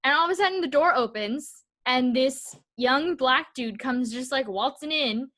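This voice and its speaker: High-pitched and fairly bright, a young woman's voice carries at a normal pace as she co-hosts a podcast. She tells stories casually and with energy, dropping in "like" and acting out what people said.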